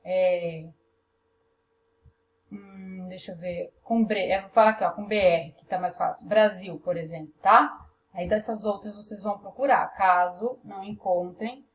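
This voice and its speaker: Her mid-range voice is steady and a little slow. With a Brazilian Portuguese accent, she works through a workbook with her class step by step, patient and frequently asking "tá?" to make sure students follow.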